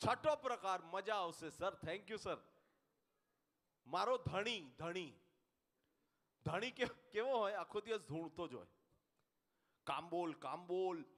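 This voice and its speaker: High-voiced Gujarati comic in a live hall. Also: male voice, unhurried, pauses often. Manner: animated, puts on voices of the people in his jokes, talks straight to the audience. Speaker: stand-up comedian. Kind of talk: Gujarati stand-up comedy on stage. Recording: live hall with long reverb.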